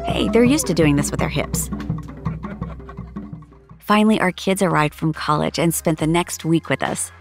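A woman's voice: deep voice, animated, normal speed, long pauses, soft background music. Middle-aged woman narrating a sailing vlog. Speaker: vlogger narrating a sailing trip. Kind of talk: scripted voice-over narration.

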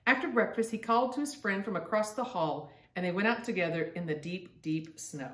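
A middle-aged woman hosts a storytime for her grandchildren in the living room at home, reading a picture book aloud and talking straight to the young listeners in simple words. Her voice is lowish and fairly bright, and she speaks briskly. The distant microphone picks up a roomy echo.

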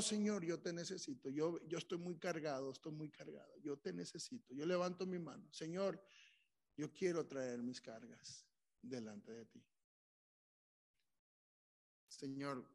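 A man preaching as pastor, giving an emotional altar call and voicing the prayers of his listeners. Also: medium pitch. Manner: pleading, emotional, voices the congregation's prayers. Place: church sanctuary.

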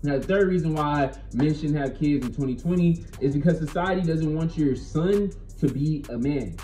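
Speaking to camera in an echoey little bedroom with bare walls, a young adult American channel host rants bluntly and emphatically in slang, cursing freely and casually. His voice is fairly high yet dark in tone, at a normal speed, with soft music in the background.

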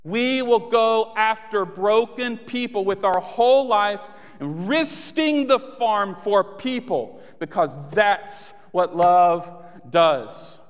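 A man in his thirties with a high-sitting voice preaches at a slow pace from a church stage, using a handheld mic. His sermon is passionate and rises to emphatic appeals, with long hall reverb on the recording.

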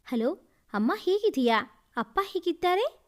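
A woman voicing a young wife who speaks quickly and softly through tears. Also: very high-pitched, very animated. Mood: tearful. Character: young wife, tearful and guarded.

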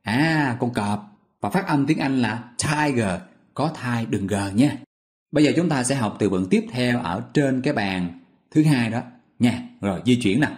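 Male teacher, mid-pitched, patient and repetitive, walks learners through each word. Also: lively intonation, normal speed. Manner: patient, repetitive, asks listeners questions. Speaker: English vocabulary teacher. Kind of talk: explaining memory tricks step by step.

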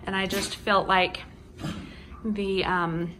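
A woman's voice: mid-range voice, little pitch movement, takes it slowly, pushed and bright, a little hiss or hum. A woman in her thirties narrating a casual home vlog, chatty and upbeat with frequent ums. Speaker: vlogger.

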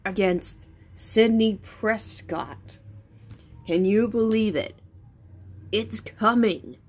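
A woman's voice: medium pitch, extremely slow, breathy edge. A young adult woman talking casually to her viewers as a vlogger. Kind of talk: casual chat to camera. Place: small bedroom, indoors.

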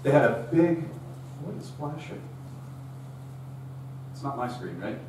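Speaking a little slowly in a medium-pitched voice, a middle-aged conference speaker gives a live technical talk to a meetup, spinning it as a story and performing the quoted dialogue. The far-camera room recording makes him sound distant and echoey, with a faint hum in the background.

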